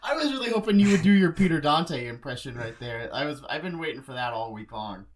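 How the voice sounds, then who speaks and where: A man's voice: a little high, fast talker. A young man co-hosting a podcast, chatting casually and jokingly about a movie and laughing often. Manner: animated, laughs often, jokey. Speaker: podcast co-host. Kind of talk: casual movie review chat.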